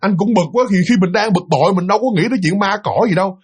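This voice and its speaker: A man casually retelling a ghost story, animated and full of restarts and hesitations. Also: sits high, racing, breathy edge.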